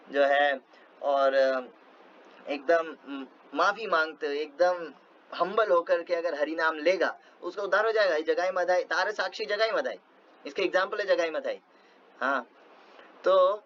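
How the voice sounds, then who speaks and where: A man with a fairly high, fairly bright voice gives a relaxed devotional talk, telling stories full of fillers and little laughs. The recording is dull and lo-fi, with faint noise underneath.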